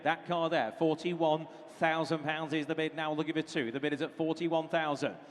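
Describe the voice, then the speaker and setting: British man, auctioneer, higher-pitched voice, repetitive bid-calling patter, big echoing hall. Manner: auctioneer's patter, repeating figures and prompting bidders. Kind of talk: live auction calling, running bid chant. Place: large reverberant auction hall. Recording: reverberant hall sound.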